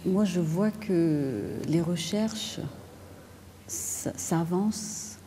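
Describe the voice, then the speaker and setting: A woman's voice: lowish voice, extremely slow, warm tone, slight background noise. A middle-aged woman speaks casually about her life as a patient, emphatic and repeating words, with frequent "hein" tags. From Madagascar. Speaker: patient and dentist. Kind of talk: casual conversational testimony. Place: large room with tall windows, seated at a round table.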